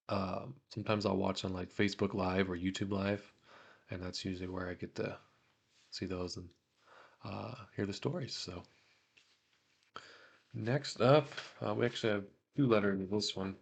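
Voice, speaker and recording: A young man hosting a casual hobby vlog, reading veterans' letters aloud and talking with many fillers and pauses. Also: deep voice, steady tone, vocal fry, slightly rough. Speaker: autograph collector vlogger.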